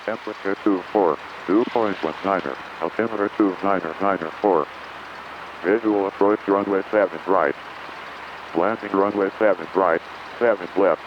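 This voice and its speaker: An automated airport weather broadcast plays over an aircraft radio, with a man's low voice reciting wind, clouds, and runway information flatly at normal speed. The sound is muffled, heard beneath engine noise.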